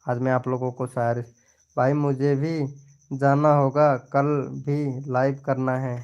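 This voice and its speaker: Chatty, smooth-voiced young man on a live stream. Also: medium pitch, little pitch movement, measured pace, a little mellow, dull audio. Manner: chatty, teasing, talks straight to viewers. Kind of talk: casual live-stream chat.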